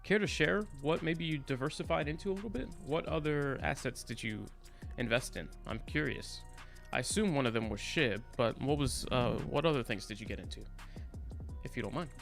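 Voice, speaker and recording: A man's voice: medium pitch, brisk, gravelly, fairly bright tone. A man hosting a casual live market stream, talking informally and directly to his viewers. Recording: music playing behind the voice. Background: background music.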